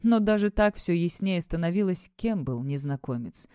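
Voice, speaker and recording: A woman narrating an audiobook in a steady, expressive voice. Her tone is low, dark and mellow. The recording is dry and close. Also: normal speed, clean tone, no room sound.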